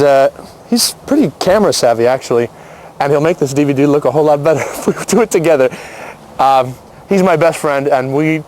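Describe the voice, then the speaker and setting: A man's voice: on the high side, darkish tone. An American man talking casually to camera like a showman, stretching out his emphatic adjectives. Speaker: circus ringmaster showing his life on tour. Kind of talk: casual to-camera vlog talk. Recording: faint outdoor and vehicle noise. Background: faint outdoor noise.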